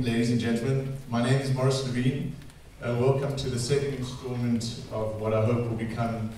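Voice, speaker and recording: A man hosts an evening talk, speaking formally with frequent fillers. His voice is flat and mellow. He sounds distant, with heavy theatre echo around him. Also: mid-range voice, a little hiss or hum. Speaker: event host. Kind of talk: welcoming speech to an audience. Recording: echoey theatre from far off.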